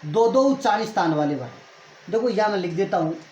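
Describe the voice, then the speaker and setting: A man's voice: high-pitched, animated, brisk, darkish tone, dull audio. A man teaching grammar at a board, asking questions and answering them himself, repeating each point many times. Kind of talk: classroom lecture at a board. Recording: echoey room with faint noise.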